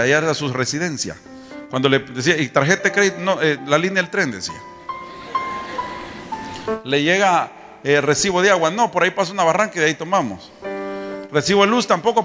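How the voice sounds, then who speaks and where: A man's voice: fairly high pitch, a bit bright. A man preaching a sermon, telling folksy stories and acting out conversations with rhetorical questions. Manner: folksy storytelling, acts out dialogue, rhetorical questions. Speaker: apostle preaching.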